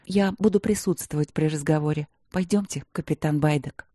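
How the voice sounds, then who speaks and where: A woman voicing a calm, weary eldest princess who gives firm, quiet commands. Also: deep voice, moderate pace, no echo, clean studio sound.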